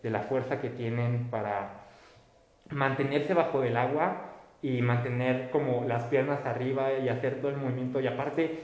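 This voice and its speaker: A man's voice: mid-range voice, fairly even intonation, normal speed, darkish tone. A young man hosting a casual interview, asking chatty, rambling questions. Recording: roomy echo.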